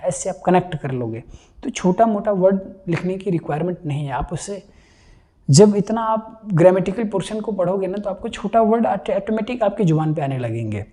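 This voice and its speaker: A man's voice: on the high side, dark tone. A man teaching a live online vocabulary class, explaining patiently, repeating key words and checking that students understand.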